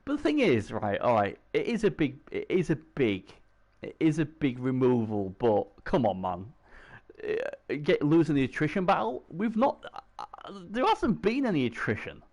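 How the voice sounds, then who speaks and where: Man, gravelly voice, chatty excitable game commentator, repeats phrases. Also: a little high, moderate pace. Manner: excitable, laughs often, repeats himself. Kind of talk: casual esports commentary.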